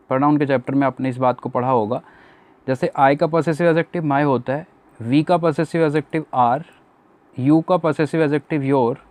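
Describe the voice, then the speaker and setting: A man's voice: on the high side, a little mellow, no echo. A man teaching English grammar for exam preparation, explaining each rule step by step and asking and answering his own questions. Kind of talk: exam-prep grammar lesson.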